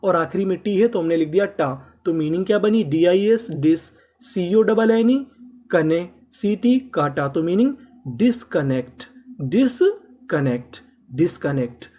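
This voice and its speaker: A woman teaching English reading to learners, spelling words out letter by letter, asking her own questions and answering them, and slowly repeating each syllable and word. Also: mid-range voice, mellow. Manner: slow drilling repetition of syllables and words.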